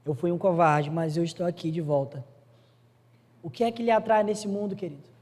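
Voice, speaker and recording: A man's voice: sits high, a little fast, a little mellow. A man preaching a sermon to his congregation, telling stories and calling the listeners "brother" and "dear", then building to raised, urgent appeals. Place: church hall. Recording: live church recording with long reverb and faint music.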